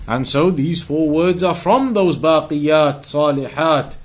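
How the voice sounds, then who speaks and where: Speaking slowly in a voice on the high side, a man teaches Islam as a religious teacher. His lesson mixes recited Arabic quotations with English explanation, delivered emphatically, with points restated and reworded.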